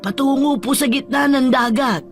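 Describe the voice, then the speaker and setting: A man's voice: very high voice, normal speed, creaky, soft background music, voice pushed up. A man voicing a frantic elderly grandmother who stammers and pleads through tears. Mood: desperate. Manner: panicked, stammering, crying pleas.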